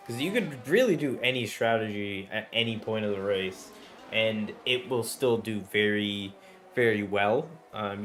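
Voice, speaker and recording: Male motorsport commentator over clear background noise. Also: fairly low pitch, fairly bright tone. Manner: motorsport commentator following the action in short running phrases. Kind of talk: live online sim racing commentary.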